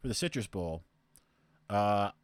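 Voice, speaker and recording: Answering listener questions on his podcast, a young host speaks in a low-leaning, clear and resonant voice, animated but unhurried. His answers ramble with fillers and restarts, and the recording is dry.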